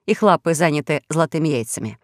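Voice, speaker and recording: Woman narrator, audiobook story, expressive, lowish voice, dry close sound. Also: fast, dry recording.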